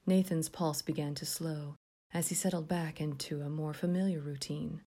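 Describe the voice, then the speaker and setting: Low, breathy woman whispering horror narration. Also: fairly even intonation, normal speed. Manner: hushed, often whispered delivery.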